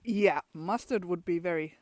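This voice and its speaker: A Finnish travel vlogger with a Finnish accent chats casually outdoors in a pine forest. Her voice is fairly low and a little mellow at a normal speed, and she laughs often between restarts.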